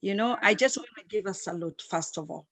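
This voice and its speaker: A woman's voice: on the low side, fairly quick, creaky, a bit bright, no room sound. Emphatic East African-raised woman in her fifties. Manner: emphatic and repetitive, speaks with passion. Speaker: guest entrepreneur. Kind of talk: interview, enthusiastic storytelling.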